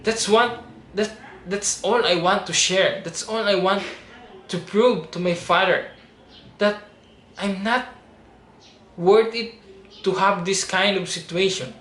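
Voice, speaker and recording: His voice sits high, and he talks at a slow pace with long pauses. The man, a Filipino in his twenties applying for a reality show, delivers a heartfelt, pleading appeal to camera in an echoey room with steady background noise.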